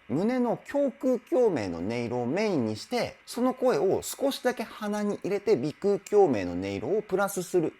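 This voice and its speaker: A vocal coach reacting to a live performance, excitedly admiring it and then explaining singing technique step by step. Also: medium pitch. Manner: enthusiastic, exclaims in admiration between explanations. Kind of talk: reaction video with vocal analysis. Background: faint music from the video being reviewed.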